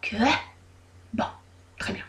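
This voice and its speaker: A woman casually retelling a folk tale with lively, irreverent, joking asides. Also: slow. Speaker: storyteller. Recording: roomy echo.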